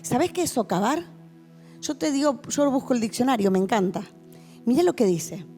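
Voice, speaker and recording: A woman's voice: fairly high pitch, big pitch swings, normal speed, warm tone, faint music behind. A woman pastor with a Rioplatense Spanish accent, giving a passionate testimony sermon to a youth meeting in a church hall. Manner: passionate, vivid storytelling.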